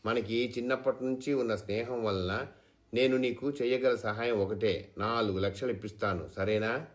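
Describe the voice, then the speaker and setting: A man's voice: medium pitch, steady tone, moderate pace, lightly acted. A man voicing a scolding, persuasive middleman. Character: pragmatic middleman friend, man.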